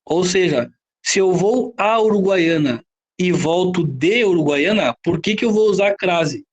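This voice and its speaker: A Brazilian man with a notably high-pitched voice gives a classroom-style grammar lecture. He keeps asking rhetorical questions and checking in with his students as he explains each rule. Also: animated, a little slow, dull audio. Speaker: Portuguese teacher.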